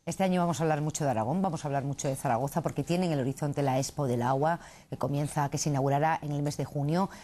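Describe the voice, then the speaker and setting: A woman hosting a morning TV interview, introducing guests and asking formal, measured questions. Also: deep voice, warm tone. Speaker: interviewer, TV host.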